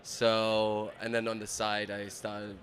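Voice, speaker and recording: A man's voice: lowish voice, completely flat delivery, slow, a bit bright. A man from Germany with a German accent, chatting easily as an interview guest at a trade show and laughing often. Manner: easygoing, laughs often, loose storytelling.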